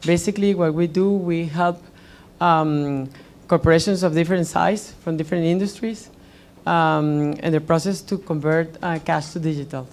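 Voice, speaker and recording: A woman from Venezuela introducing herself as a panelist, measured and full of fillers. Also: low-pitched, steady tone, darkish tone. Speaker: company founder, panelist. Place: meetup event stage.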